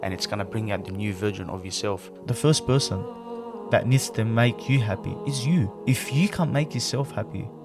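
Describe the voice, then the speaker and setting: Earnest low-voiced man from Lebanon. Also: normal speed, over music. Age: around 30. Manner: earnest, reflective, leans on "you know". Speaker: podcast guest, barber. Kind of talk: candid interview talk.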